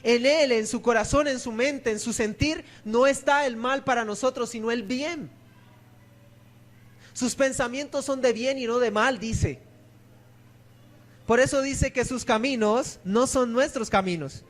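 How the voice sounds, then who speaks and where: A pastor with a strikingly high voice preaches to his church. He keeps tossing questions at the congregation and then answering them himself. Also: unhurried. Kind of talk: sermon.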